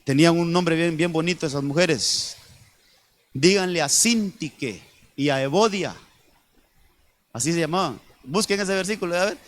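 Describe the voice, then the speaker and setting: A man's voice: fairly high pitch, moderate pace, pauses often. A man preaching a sermon as pastor, often repeating himself and calling the listeners brother. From Honduras. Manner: repetitive, addresses congregation as brother.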